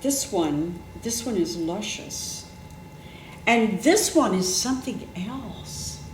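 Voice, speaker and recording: Slow, musing woman host in an echoey room. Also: mid-range voice, animated. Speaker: talk show host. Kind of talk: casual chat. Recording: echoey room with faint noise.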